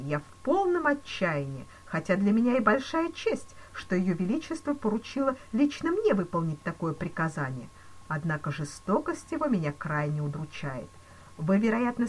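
A woman's voice: mid-range voice, very animated, normal speed, voice pushed up. A woman voicing a male police chief who delivers dire news in a grave, regretful manner in a storybook reading. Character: solemn, mock-sympathetic male police chief.

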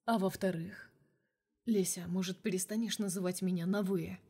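A playful, flirting male boss who teases in a low, breathy half-whisper, as a woman reader puts him on. He sounds sly and amused, speaking softly and close, a step lower than the reader's own voice. An audiobook character voice. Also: fairly even intonation, moderate pace. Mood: flirty.

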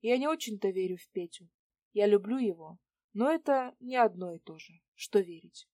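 A woman voicing a calm, idealistic young woman who answers in a cool, matter-of-fact way. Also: medium pitch, moderate pace, dry recording, studio quality, close to an everyday voice. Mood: quiet, sincere.

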